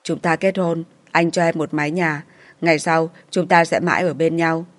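Devoted young man, anxious and tender, read by a female narrator in her own low-ish voice. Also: steady tone, normal speed, close to an everyday voice. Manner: flustered, tender.

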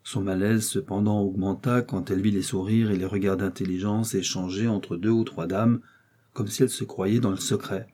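A man narrates a classic novel as an audiobook in a steady, even way. His voice sits low and sounds mellow and dark. A husky grain runs through it. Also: moderate pace. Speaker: audiobook reader.

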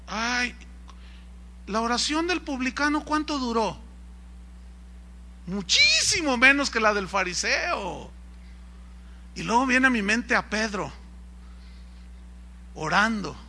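A man, a pastor preaching a sermon in an animated, ironic way, firing rhetorical questions at his congregation. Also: extremely high pitch, slow, long pauses.

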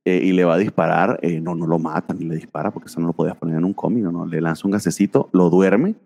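A man's voice: low voice, quick pace, gravelly, warm tone, big-room sound. A man co-hosting a casual podcast about comic books, rambling with many fillers. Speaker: podcast co-host.

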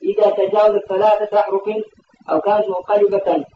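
A man reading a grammar text aloud in a lesson, quickly and with restarts. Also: high voice, flat delivery, reverberant, highs cut off, a little hiss or hum.

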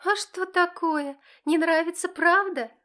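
A woman's voice: extremely high pitch, a little slow, pushed and bright, voice pushed up, heavily acted. A woman reading an audiobook, voicing a brazen, venomous teenage girl with sarcastic defiance. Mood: mocking. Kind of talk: audiobook character voice.

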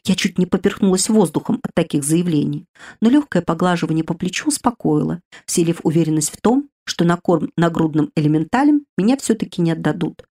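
A woman reads a first-person story aloud in a steady, measured way. Her voice sits on the lower side for a woman. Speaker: audiobook narrator. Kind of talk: scripted first-person narration.

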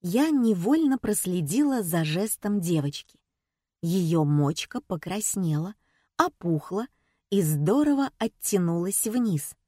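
A woman narrating an audiobook in the first person, with an even, wry telling. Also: fairly low pitch, slow pace, no room sound, clean studio sound.

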